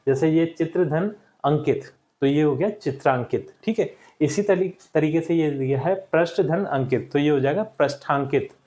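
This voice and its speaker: A young adult male teacher giving a recorded lesson to schoolchildren, repeating each word slowly and checking in with the class after each point. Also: fairly high pitch, dark tone. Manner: addresses the class as children, checks with "ठीक".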